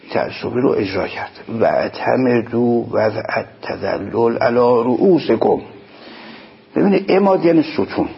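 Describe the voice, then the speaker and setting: A man giving a sermon, explaining in plain speech and slowing down to chant quoted lines. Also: medium pitch, slightly rough. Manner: slow chanted quotations, emphatic explanations. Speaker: preacher. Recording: dull lo-fi recording.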